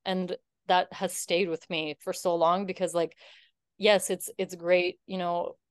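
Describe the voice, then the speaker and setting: A woman's voice: on the low side, flat delivery, unhurried, clean tone, dry recording, studio quality. A woman guest in her thirties telling her story in a casual interview, earnest and heartfelt, with many fillers. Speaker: podcast guest.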